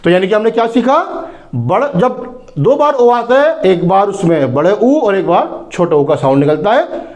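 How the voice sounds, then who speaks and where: A man teaching English phonics, sounding out words slowly, repeating them and asking rhetorical questions. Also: high-pitched, sing-song, a little mellow. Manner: drawn-out sounding of words, repeating each word. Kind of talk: phonics lesson.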